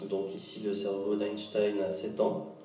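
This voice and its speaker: A man's voice: on the low side, completely flat delivery, unhurried, darkish tone. A man, a beatboxer, improvising jokes and playing with the echo inside a cave. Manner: playful, clowning. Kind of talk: improvised joking with cave echoes. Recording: echoey cave, from far off.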